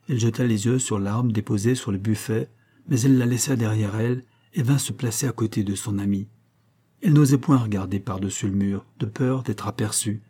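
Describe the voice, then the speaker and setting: A man reading a novel aloud as audiobook narrator, in a measured, steady manner. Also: on the low side. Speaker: audiobook reader. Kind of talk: scripted narration.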